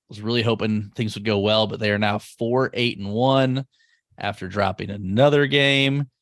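A man's voice: on the low side, gravelly, fairly bright tone, no echo, studio quality. A man co-hosting a casual sports podcast, hesitant and full of fillers as he gives his takeaways. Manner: hesitant, filler-heavy delivery. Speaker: podcast co-host.

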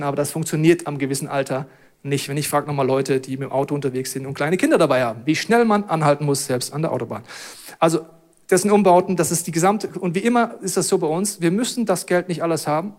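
A male pastor with a fairly high voice delivers a sermon. He reads a Bible passage aloud and turns to his listeners to speak to them directly, one by one.

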